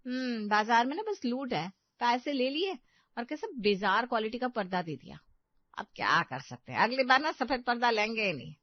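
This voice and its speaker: A woman's voice: fairly high pitch, very animated, normal speed, no room sound. A woman voicing a lazy, fretful middle-aged mother-in-law in a cartoon story, complaining and ordering others about. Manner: complaining, bossy. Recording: dull dry recording.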